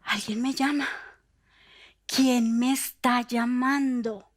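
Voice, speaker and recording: A woman voicing a calm, gentle male teacher, speaking softly in a near whisper. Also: a little high, slow. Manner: soft, hushed, near whisper.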